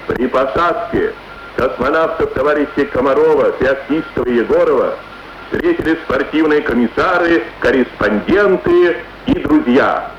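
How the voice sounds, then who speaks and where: A man reading an official news bulletin on the radio in a slow, solemn, deliberate way, from a muffled archival broadcast. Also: on the high side, echoey room, slight background noise. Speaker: radio announcer.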